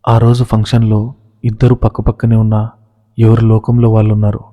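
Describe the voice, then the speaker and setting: A man telling a dramatic story in measured, scripted narration. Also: fairly low pitch, monotone. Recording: reverberant, dull lo-fi recording.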